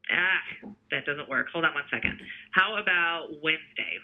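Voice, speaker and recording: Over a narrow, tinny telephone line, a male sales representative explains things as he goes at a normal speed. His voice is a little higher than most men's, with a conversational pitch pattern.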